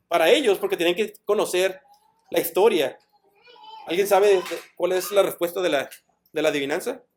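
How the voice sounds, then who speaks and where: A man's voice: high voice, darkish tone. A man preaching a sermon in a church, reading scripture aloud and then explaining it plainly while putting questions to the congregation. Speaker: pastor.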